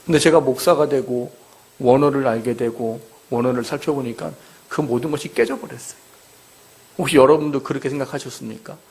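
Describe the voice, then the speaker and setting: A man's voice: medium pitch, steady tone, brisk, darkish tone. Earnest male pastor preaching a sermon. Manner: earnest, repetitive preaching with rhetorical questions.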